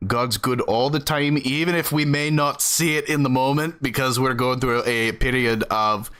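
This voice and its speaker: A man's voice: medium pitch, steady tone, normal speed, a bit bright, clear, resonant tone. A man from the American South chatting earnestly with his live-stream audience while playing a game. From Southern United States. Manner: earnest, chatty, answers chat between gameplay. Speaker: gaming streamer. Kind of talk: casual live-stream chat.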